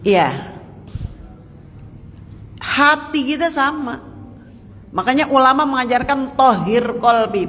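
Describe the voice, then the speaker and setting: A man's voice: very high-pitched, pushed and bright, a little hiss or hum. A man giving a folksy sermon to a women's study group in a mosque, speaking directly to his listeners. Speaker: preacher. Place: large mosque hall. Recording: long reverb of a mosque hall.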